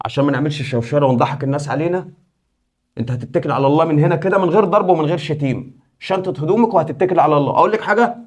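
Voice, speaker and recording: A man's voice: fairly high pitch, rapid-fire, a little mellow. An Egyptian man acting in a comedy sketch, first confronting his wife, then pleading with a friend. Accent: Egyptian Arabic.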